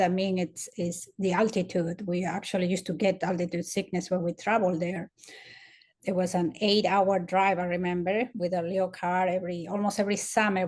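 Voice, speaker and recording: A woman in her fifties from Peru with a Peruvian Spanish accent, telling food memories as a podcast guest with soft laughs. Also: fairly low pitch. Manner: warm storytelling with frequent soft laughs. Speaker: guest dietitian. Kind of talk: conversational interview.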